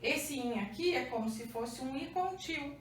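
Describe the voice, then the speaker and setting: A woman's voice: high voice, lively intonation, a little slow. A Brazilian woman teaching a Portuguese grammar lesson. She checks often that the class follows and counts letters out one by one. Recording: roomy echo, mic far off, faint hum.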